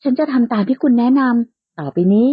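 A woman voicing a polite, soft-spoken young woman, in a lightly lo-fi, dry recording. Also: a little high, sing-song, fairly quick, slightly rough, no room sound, full character voice.

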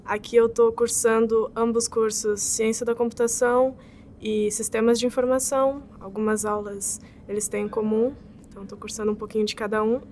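A woman's voice: on the high side, flat delivery, normal speed, darkish tone, a little hiss or hum. A young woman, an exchange student in an interview testimonial, chatty and often adding "sabe?". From southern Brazil. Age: young adult. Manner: chatty, ends phrases with "sabe?". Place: indoor campus building.

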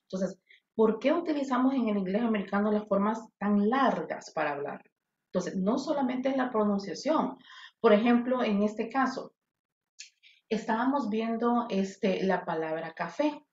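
A woman's voice: medium pitch, darkish tone. A woman English teacher, chatting with her online class. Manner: chatty, switches between English and Spanish. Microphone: video call. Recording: echoey, dull audio with faint noise.

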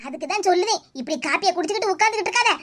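A woman's voice: very high voice, animated, very fast, very noisy, pitched below the performer's own voice. A woman voicing a meddling old grandmother who tattles in a Tirunelveli Tamil accent. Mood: urgent gossip. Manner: urgent, conspiratorial tattling.

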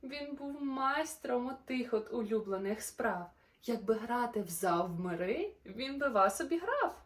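A woman reading a rhyming children's story aloud. She is expressive and playful, changing her loudness and pace. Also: a little high, unhurried, far from the mic.

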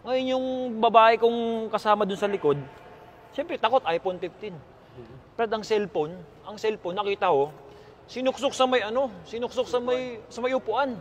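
A man telling a comic story to a group, animated, repeating lines for effect and laughing as he goes. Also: high voice, normal speed. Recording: loud crowd laughter around him.

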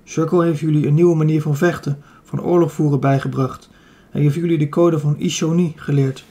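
A dignified emperor speaking solemnly to his troops, as a man reads him. The tone is mellow and slightly husky, with little rise and fall. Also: fairly high pitch, fairly even intonation, brisk. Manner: solemn, grateful address. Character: dignified male emperor addressing his soldiers.

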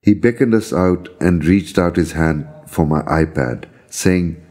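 Reading his own account, a storyteller delivers a scripted narration of a visionary journey. His voice is very low, soft and dark, with a husky grain, and his delivery is measured and solemn.

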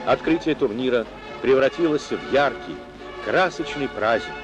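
A man's voice: medium pitch, animated, normal speed. A man narrating an old newsreel in a formal, declamatory reporting manner. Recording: narration over loud music.

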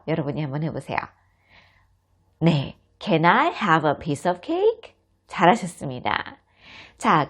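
A woman in her thirties with a husky voice, patiently explaining everyday English phrases to parents step by step. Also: fairly low pitch. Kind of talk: explanatory lesson.

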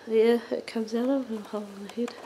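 A woman hosting her own doll collecting channel, describing a vintage doll in a casual show-and-tell with many ums and halting pauses, now and then coughing. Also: fairly high pitch, steady tone, mellow, slight background noise, low-quality recording. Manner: hesitant, many ums and uhs, halting phrasing; occasional coughs. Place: indoors at home, on a sofa.

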